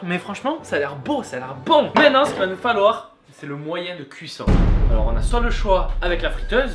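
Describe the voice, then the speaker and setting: A man chatting casually to camera in a cooking vlog, excitable and playful, often repeating words in a slangy, mock-boastful way. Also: high voice. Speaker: vlog host and amateur cook.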